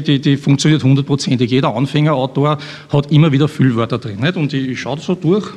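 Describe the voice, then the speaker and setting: An Austrian man, an author introducing a reading at a live event, talking in a rambling, self-mocking way with many restarts. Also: fairly high pitch. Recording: long hall reverb.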